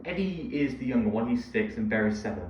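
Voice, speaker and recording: Animated and quick, this mid-range male voice belongs to a young podcast co-host rambling through stories with laughs in a casual chat. The sound is dull and far off, echoing, with a slight hiss underneath.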